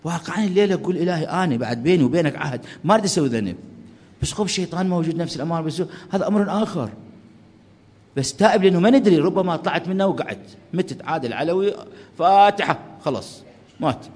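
Rapid, impassioned Iraqi preacher in a reverberant hall. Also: male voice, fairly high pitch, animated, slightly rough. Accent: Iraqi Arabic. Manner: impassioned, swinging between fervent calls and hushed pleading. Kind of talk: sermon. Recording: long reverb of a large hall.

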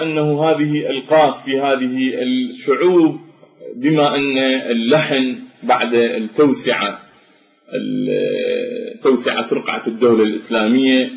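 Measured male lecturer, echoey room. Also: medium pitch, creaky. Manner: measured explanatory delivery with frequent pauses and fillers. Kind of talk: spoken lecture on Arabic phonetics. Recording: dull lo-fi recording in an echoey room.

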